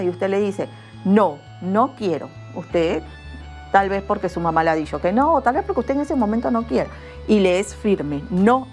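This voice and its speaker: A middle-aged schoolteacher, explaining grammar in a remote class and acting out example phrases in different tones. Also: female voice, mid-range voice, darkish tone. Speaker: school teacher.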